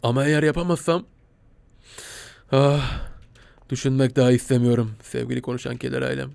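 A young man commentating a game he plays, panicking, shouting and laughing in mock fear. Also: mid-range voice, level tone, a little fast, creaky, dry recording. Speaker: gaming YouTuber. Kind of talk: excitable gameplay commentary.

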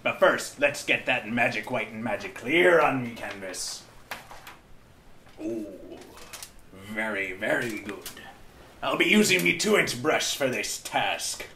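Male host, slow and sharp-toned, hamming up pirate speak for comedy; echoey room, mic set back. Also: medium pitch, lively intonation, slight background noise. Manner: hammy pirate talk throughout. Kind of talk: comedic drinking and painting show. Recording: roomy echo, mic at a distance.

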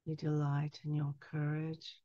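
A woman in her sixties speaking as a trance medium, solemnly delivering a spiritual message in measured phrases with long pauses. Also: sits low, monotone, dark tone, no room sound. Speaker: trance channeler. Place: small candlelit room indoors. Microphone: headset boom mic. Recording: dull, lo-fi headset sound.

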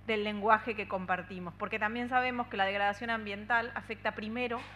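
Over slight background noise, a woman in her thirties from Argentina addresses a conference panel as a union policy adviser, using a desk microphone on a stand. Her mid-range, steady, fairly bright voice moves a little fast, earnest and fluent, with an Argentine Spanish accent and frequent "eh" fillers.

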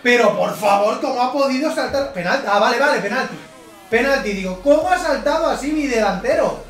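A man, a gaming YouTuber doing live gameplay commentary. He gets excited easily, shouts at big plays and groans often. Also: very high-pitched, a little fast, roomy sound, far from the mic.

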